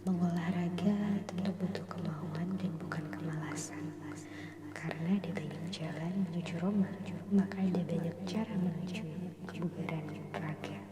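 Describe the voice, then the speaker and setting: A woman giving gentle ASMR affirmations in a slow whisper, her voice carried by a digital echo effect. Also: lowish voice, steady tone, very noisy. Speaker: ASMR host. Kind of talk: soft-spoken ASMR affirmations. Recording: long echoey reverb effect.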